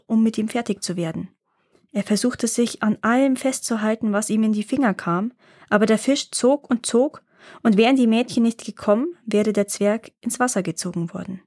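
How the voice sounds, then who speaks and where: A woman narrating a fairy tale in a calm, measured storybook reading. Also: a little high, no room sound, clean studio sound.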